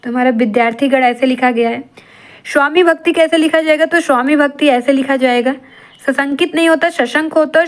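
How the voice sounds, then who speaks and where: A woman teacher running an exam-prep grammar lesson, drilling points in a steady, repetitive way and asking and answering her own questions. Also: sits high.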